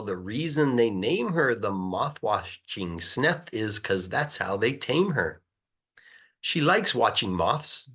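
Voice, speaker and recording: An English teacher reads a rhyming children's book aloud in a very animated, medium-pitched, slightly rough voice. His sing-song delivery rises and falls, stretching out key words for emphasis, and the recording is somewhat dull and lo-fi.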